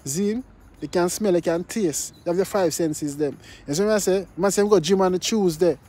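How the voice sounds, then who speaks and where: A man's voice: high-pitched, a little fast, warm tone. A man reviewing a song in casual chat, talking in patois phrasing and singing along at times. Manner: Jamaican-style patois phrasing, sings along. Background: music playing.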